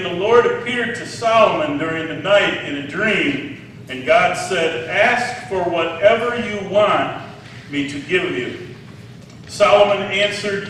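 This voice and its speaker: A pastor in his sixties preaches a sermon conversationally, putting questions to his listeners. His voice is a little high with a fairly bright tone, and there's a slight hiss or hum. He's in a large, echoey hall, picked up by a distant mic.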